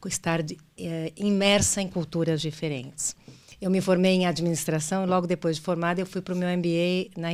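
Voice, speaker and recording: A middle-aged Brazilian woman with a fairly low voice talks through her career as an interview guest. She speaks thoughtfully, restarting her phrases and checking in with the listener as she goes. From Brazil, daughter of Argentine parents. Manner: thoughtful, with frequent restarts and "né?" tags. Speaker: guest, business executive. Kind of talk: conversational interview answers.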